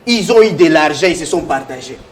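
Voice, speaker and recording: A man's voice: on the high side, animated, a little fast. A man, arguing as a panelist in a heated televised debate and piling up accusing rhetorical questions.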